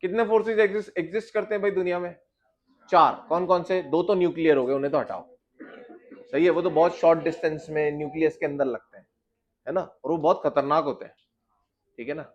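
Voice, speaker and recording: A man's voice: fairly high pitch, fairly even intonation, fast talker, dull audio. A male physics teacher giving a classroom lecture, often asking his students questions and calling them "beta".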